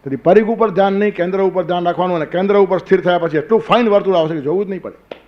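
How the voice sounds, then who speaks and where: A man's voice: high voice, rapid-fire, muffled recording. An older man giving a spiritual discourse, telling stories, asking rhetorical questions and quoting verses. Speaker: spiritual teacher. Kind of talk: Gita discourse sermon.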